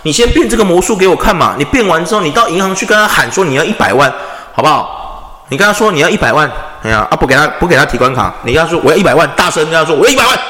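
A young man from Taiwan, host of a casual chat podcast, telling stories in an animated way, swearing and acting out quarrels loudly. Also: a little high, very fast. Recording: echoey room with long reverb.

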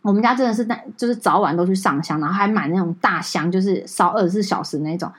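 Taiwanese lady telling a story on a podcast, talks quick, kinda husky, gets worked up. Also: mid-range voice. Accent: Taiwanese Mandarin. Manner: animated, emotional storytelling with many fillers. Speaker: podcast co-host. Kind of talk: casual storytelling chat.

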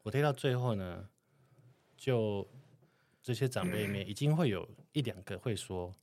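A man, calmly and insistently explaining his point in a casual podcast chat. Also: lowish voice, moderate pace, dry recording.

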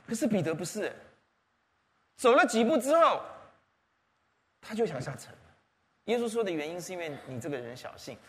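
Pausing often at a moderate pace, a high-voiced pastor animatedly preaches to his congregation, frequently posing rhetorical questions. The church hall gives the recording a long reverb.

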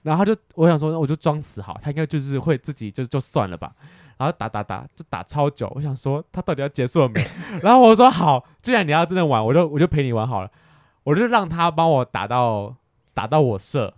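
A man talking quickly, his voice bouncing widely up and down and sitting a touch high. He chats on a podcast in a jokey, lively way and swears casually. The recording is dry and close. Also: no room sound. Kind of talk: casual podcast chat, storytelling.

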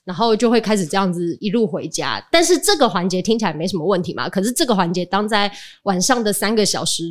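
A woman's voice: medium pitch, sing-song, quick pace. A woman who is a mother and preschool worker, telling light stories about her young son in a casual chat, often agreeing with "yes, yes". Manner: storytelling, laughing, many "对，对". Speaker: preschool educator and guest.

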